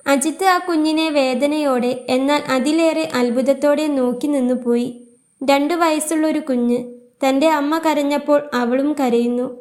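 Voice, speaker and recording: Woman, story narrator, scripted narration, calm even storytelling, high voice.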